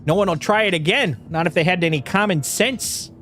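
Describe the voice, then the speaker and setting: A high-pitched, slightly nasal Wisconsin streamer talks briskly during a casual live stream, hamming up his Upper Midwest accent. He's animated and joking, laughing frequently and slipping into exaggerated folksy exclamations, while a little hiss or hum sits under the recording.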